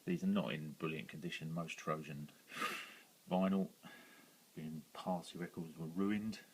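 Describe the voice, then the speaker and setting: A British record collector talks through his shelves in a casual vlog. His voice sits very low, and he rambles along with frequent ums and corrections. A faint hiss sits under the recording. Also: fairly even intonation, unhurried, poor audio. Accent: British English. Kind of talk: casual show-and-tell vlog.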